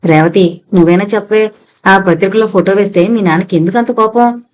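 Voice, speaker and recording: A woman's voice: mid-range voice, brisk, lightly acted. A worried middle-aged wife and mother pleads and frets, read by a woman narrator. She sounds anxious in this audiobook novel. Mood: fretful. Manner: fretful, pleading.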